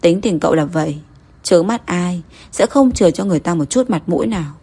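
Low-voiced woman narrating a novel. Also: animated, fairly quick, dark tone, breathy edge. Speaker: audiobook narrator.

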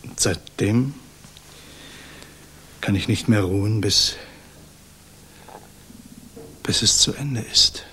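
The actor's fairly low, slightly husky male voice has a bright, forceful tone as he plays a German resistance idealist, grave and weighed by guilt, in a 1960s radio drama. Speaking solemnly and deliberately with heavy pauses, he sounds confessional and fervent over slight background noise.

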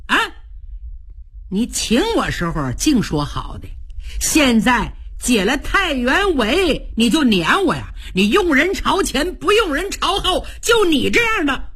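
A woman's voice: sits high, exaggerated voice. A woman playing a blustering hot-tempered general. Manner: indignant, quick, loud complaining.

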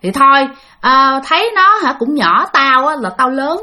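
A woman puts on an aggrieved, century-old male ghost in a spoken ghost story, scolding roughly in a bright, high, raised voice. It sounds vengeful and petty, like a spirit airing a grudge. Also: lively intonation, normal speed, a little hiss or hum. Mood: grudgingly calm.

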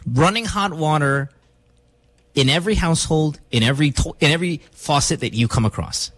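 A man's voice: fairly high pitch, no echo. A man from the Philippines hosting a morning radio show in casual, joking banter while fighting a cough. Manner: animated, joking, quick asides. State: has a cough. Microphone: studio microphone.

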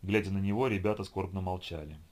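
A man narrates an audiobook in a steady, measured way. His voice sits on the low side. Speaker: audiobook reader.

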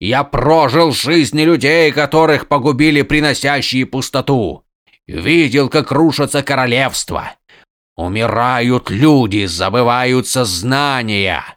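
A man's voice: fairly high pitch, expressive, very slow, few pauses, sharp tone, clean tone, dry recording, studio quality, full character voice. A man voicing a stern aging warlord who addresses his troops in a commanding, declamatory way. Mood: rousing.

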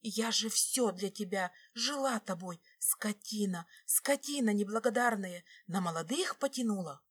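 A woman reading an audiobook voices a hurt wife, sharp-tongued and hissing in anger. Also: medium pitch, animated, a little slow, breathy edge. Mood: furious.

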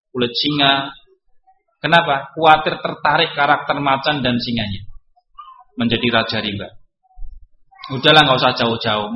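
A man, preaching a study sermon with joking asides and sudden jumps in pitch for emphasis. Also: bright, forceful tone, a little hiss or hum. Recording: roomy, dull lo-fi recording.

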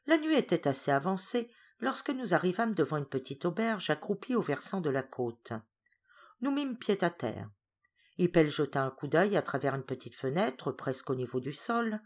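A woman reading a classic story aloud as an audiobook, with expressive, varied storytelling. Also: low voice. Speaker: audiobook reader. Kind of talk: literary audiobook narration.

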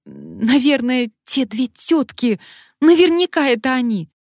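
A woman's voice: measured pace, darkish tone, no room sound, clean studio sound. A woman reading an audiobook, voicing a frightened, fussy young woman blogger who babbles and shrieks. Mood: panicky. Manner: shrill, babbling.

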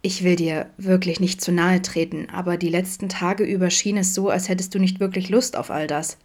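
Woman reading a gentle, diplomatic young man. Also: on the low side, fairly even intonation, normal speed, close to an everyday voice. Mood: careful. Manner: soft, careful, diplomatic. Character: gentle, friendly young man at a summer camp.

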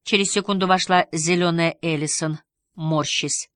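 A woman narrating an audiobook in an even, measured reading style. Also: lowish voice, no room sound.

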